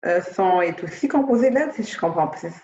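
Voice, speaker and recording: A woman's voice: lowish voice, expressive, a little fast, warm tone. A woman student reasoning aloud tentatively as she answers the teacher's questions. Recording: echoey, dull lo-fi sound.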